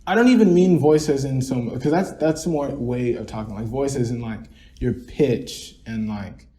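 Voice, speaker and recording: A man's voice: mid-range voice, unhurried, dark tone. A young man co-hosting a podcast, chatting in a rambling way with lots of fillers and restarts. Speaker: podcast co-host. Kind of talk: casual reflective chat.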